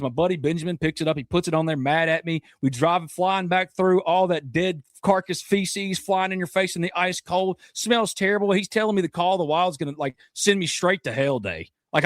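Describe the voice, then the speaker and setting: Man, thirties, podcast guest, animated storyteller, fairly high voice, dry close sound. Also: no room sound. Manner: animated, swings loud and high in punchlines, laughs often. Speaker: podcast guest, sports commentator. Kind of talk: casual storytelling chat.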